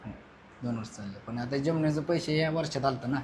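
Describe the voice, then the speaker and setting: A man, a farmer, giving subdued, halting answers. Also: mid-range voice, a little mellow. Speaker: interviewee, farmer.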